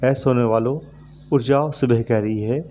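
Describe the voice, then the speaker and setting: Guy teaching a kids poem, reads a line then explains it, mid pitch, bit of hiss. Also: steady tone, warm tone. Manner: recites verse lines, then paraphrases them slowly.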